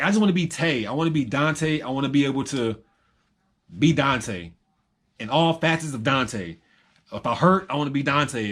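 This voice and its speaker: A man's voice: mid-range voice, fairly bright tone, husky. Rambling, reflective man talking to camera. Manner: rambling, reflective, with filler ums; repeats phrases for emphasis. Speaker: vlogger. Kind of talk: unscripted personal monologue.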